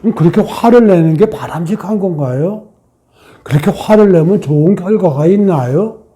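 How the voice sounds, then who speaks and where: A man's voice: high-pitched, animated, normal speed, dark tone. A man giving a meditation lecture, asking questions and answering them himself, sometimes dropping to a whisper. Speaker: meditation teacher.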